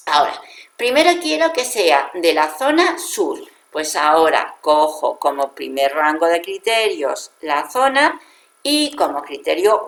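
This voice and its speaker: A woman's voice: fairly low pitch, fairly bright tone, reverberant. A woman with a Spanish accent from Spain, patiently explaining a spreadsheet tutorial step by step and correcting herself as she goes. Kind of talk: screen-recorded software tutorial.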